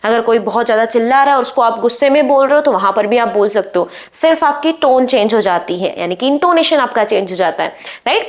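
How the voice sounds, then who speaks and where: High-voiced woman teaching spoken English. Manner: explains in Hindi, says English phrases slowly and clearly.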